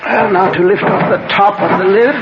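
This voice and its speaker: An actor playing a grave, commanding vampire-hunting professor in an old radio drama, speaking deliberately and haltingly with solemn weight. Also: male voice, high voice. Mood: solemn, intent. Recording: muffled, noisy vintage radio recording.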